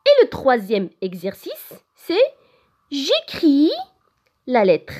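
A woman with a Moroccan French accent teaching a recorded lesson to young children, slow and sing-song, spelling letters one by one. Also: sits high, wildly swooping pitch, a little mellow. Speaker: preschool teacher.

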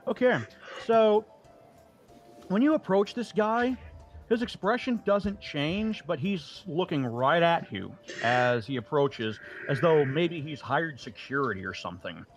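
Male dungeon master, high-ish voice, hesitant scene narration, light music under it. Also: expressive, unhurried. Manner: hesitant, repeats words while describing scenes. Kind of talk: narrating a tabletop game.

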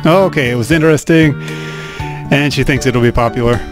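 Over game music, a man in a let's play translates the game and offers casual, wry commentary with dry humor. He speaks in a mid-range voice, a little fast.

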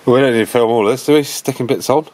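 A man's voice: mid-range voice, fast talker, a little mellow. A man in his thirties with a British accent, chatting casually and slangily as a laid-back car vlog host. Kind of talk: casual chat to camera and friend. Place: stone garage with metal roof, and inside a car. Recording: noisy camera audio with clear background noise.

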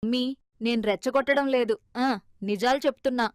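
A woman voicing a cheeky, quick-tongued young rat in a cartoon. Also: on the high side, fairly even intonation, no echo, clean studio sound, lightly acted. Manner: sassy, talks back. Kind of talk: cartoon voice acting.

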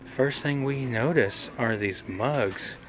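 A man's voice: medium pitch, takes it slowly, a bit bright, slight background noise. A man talking casually while filming a walk through a gift shop, pointing things out as he goes. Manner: chatty, points things out as he films. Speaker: vlogger.

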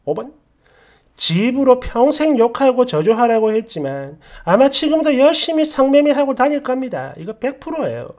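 Woman, story narrator, reading comments, conversational, opinionated, lively pitch. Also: normal speed.

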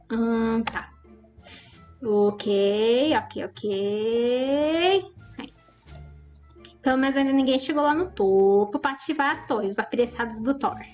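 A woman's voice: fairly high pitch, a little mellow, highs cut off. A woman giving chatty, exclaiming commentary over her Roblox gameplay and talking straight to her viewers. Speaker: gaming YouTuber.

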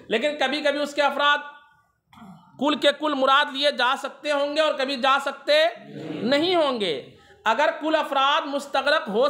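Male religious teacher, lecturing, high bright voice, keeps asking and answering his own questions. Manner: asks the class a question, then answers it himself; reads Arabic text slowly, then explains it. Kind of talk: classroom lecture.

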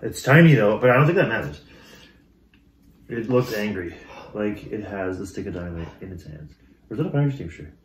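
A man's voice: on the low side, sing-song, brisk, long pauses, echoey room, a little hiss or hum. A man chatting casually as he tastes spicy snacks, trading dry jokes with his co-host. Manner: joking, dry asides. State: coughing and sweaty. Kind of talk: casual chat.

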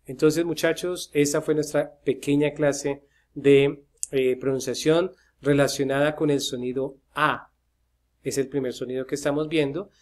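A man's voice: a little high, fairly even intonation, unhurried. A man giving a casual screen-share pronunciation lesson, chatty, with many "eh" fillers as he talks to his viewers. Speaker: English pronunciation teacher.

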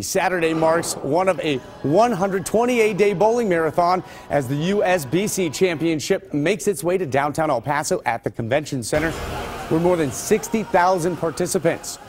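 A man's voice: on the high side, slight background noise. A male news anchor reading local stories with loose, conversational ad-libs. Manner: loose and conversational between scripted items. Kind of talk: news reading with ad-libbed asides.

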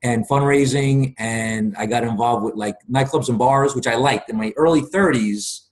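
A man's voice: medium pitch, moderate pace. An earnest, talkative man in his forties tells his story as a guest. He speaks through a webcam from a room at home. The tone is casual conversation. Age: 40s. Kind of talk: casual video call chat. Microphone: video call webcam.

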